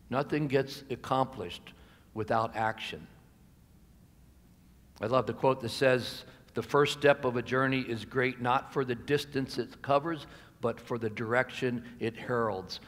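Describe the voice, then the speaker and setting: Standing at the pulpit of a church sanctuary, a man in his sixties from the US delivers a sermon with a medium-pitched voice. His pacing is slow and careful, with emphatic pauses and softening phrase endings, and the gooseneck-miked sound echoes through the hall.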